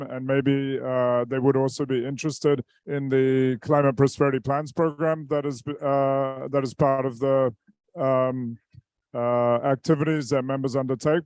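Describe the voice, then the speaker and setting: A man's voice: mid-range voice, a little mellow, clean tone, no room sound. A man moderating a panel discussion at a busy conference pavilion, casual, with many fillers.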